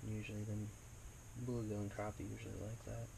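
A man vlogging while ice fishing on a frozen lake, talking quietly to himself and the camera as he fishes, with sudden excited bursts. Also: lowish voice, a little fast, creaky, noisy background. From Wisconsin. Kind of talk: casual narration while fishing.

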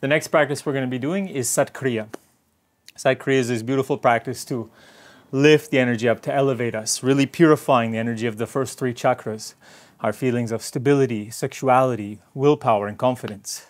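A man's voice: medium pitch, a little fast. Encouraging man coaching a yoga class. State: slightly out of breath. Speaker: yoga teacher. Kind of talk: guided kundalini yoga class.

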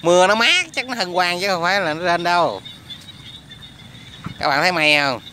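A bright, crisp-voiced man talking casually to his viewers as he films outdoors on a phone. He keeps asking if they can hear and see things. Faint rain and frog croaks sit behind him. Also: sits high, lively intonation, normal speed, a little hiss or hum. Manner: chatty, addresses viewers constantly. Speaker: vlogger. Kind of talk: casual outdoor vlog commentary. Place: outdoors in rain at a quiet resettlement area. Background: rain and frogs croaking.

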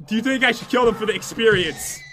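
A man chatting casually while playing a video game, joking around with sudden loud, excited outbursts. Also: high-pitched, fast, a crowd in the background. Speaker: gaming YouTuber. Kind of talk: casual gameplay chat.

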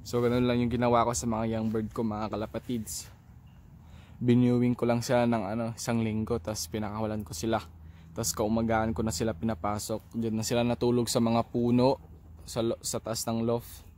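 Relaxed Filipino man chatting outdoors. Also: mid-range voice, fairly quick, a little hiss or hum. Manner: relaxed, rambling, many restarts and fillers. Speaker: pigeon loft vlogger. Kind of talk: casual vlog talk. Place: outdoors by a pigeon loft.

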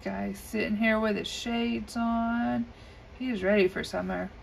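Filmed by a camera mounted overhead, a coloring video creator sits indoors at her desk and colors while chatting in a relaxed, unhurried way, dropping plenty of ums. Her scratchy, gravelly voice sits in the mid range with a steady tone, and her pace is a little slow.

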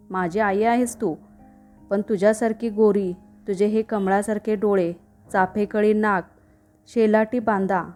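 A woman's voice: mid-range voice, a little mellow, natural voice. A woman voicing a humble, devout middle-aged mother in a storybook reading, speaking tenderly and modestly.

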